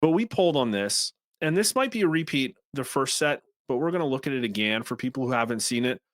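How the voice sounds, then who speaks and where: A man's voice: medium pitch, expressive, fast, a bit bright, dry recording, clean studio sound. A man hosting a political commentary show, talking through polling results in a conversational way with wry asides.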